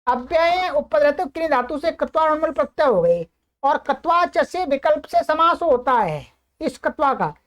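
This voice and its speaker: Female grammar teacher, high bright pitch, patient step-by-step explainer who reads forms slowly and repeats them. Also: expressive. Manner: explains step by step, often asks and answers her own questions. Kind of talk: recorded online lesson.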